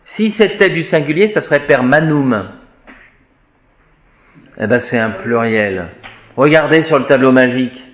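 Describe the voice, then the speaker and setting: A man's voice: medium pitch, expressive, fairly bright tone. A man teaching Latin grammar to a class, chanting declensions and explaining word by word. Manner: chants declensions, slow and deliberate. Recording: echoey room, dull lo-fi sound.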